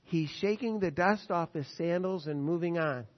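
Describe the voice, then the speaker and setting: A man with a high voice preaches a sermon, hammering some words loudly and dropping to quiet asides. His voice rings with a long hall reverb, and the recording sounds dull and lo-fi. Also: moderate pace. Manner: emphatic preaching, swings between loud stresses and quiet asides. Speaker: pastor.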